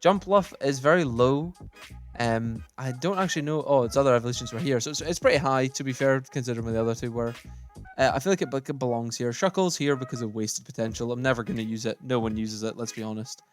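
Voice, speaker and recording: A man's voice: mid-range voice, quick pace, faint music behind. A man giving casual, opinionated tier-list commentary, thinking aloud as he sorts. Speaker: gaming YouTuber.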